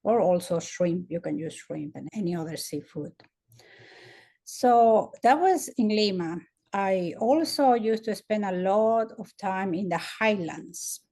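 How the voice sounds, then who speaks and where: A woman in her fifties from Peru with a Peruvian Spanish accent, telling food memories as a podcast guest with soft laughs. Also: medium pitch, measured pace. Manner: warm storytelling with frequent soft laughs. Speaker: guest dietitian. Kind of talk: conversational interview.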